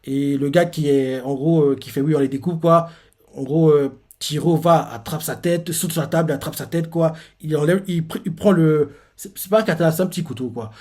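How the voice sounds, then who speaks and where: A man's voice: a little high, dark tone. A man hosting a manga reaction who retells a chapter casually, rambling with lots of fillers and restarting his sentences.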